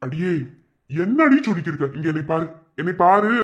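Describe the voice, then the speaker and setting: A man's voice: on the high side, sing-song, moderate pace, dull audio, background noise. A man voicing a caring young village husband in a cartoon, speaking coaxingly in a Madurai Tamil accent. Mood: concerned. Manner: coaxing, calls her "di". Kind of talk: cartoon voice acting.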